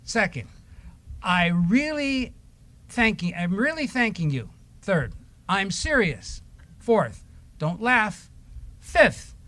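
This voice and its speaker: A man leads the children's time at church, reading aloud and chatting playfully with the kids, asking them questions and giving simple instructions. His voice sits high and sounds a bit bright.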